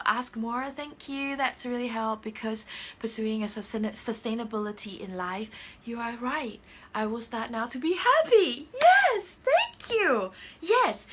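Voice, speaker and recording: A woman hosting a casual motivational live talk, earnest and emotional, with her voice jumping higher when she quotes herself. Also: a bit bright. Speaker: host of a live video chat.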